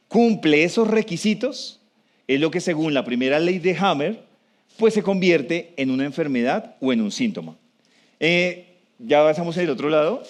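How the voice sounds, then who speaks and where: A man giving a live talk to an audience, conversational, often asking the room questions and slowing down for emphasis. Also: on the high side. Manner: slows down for emphasis.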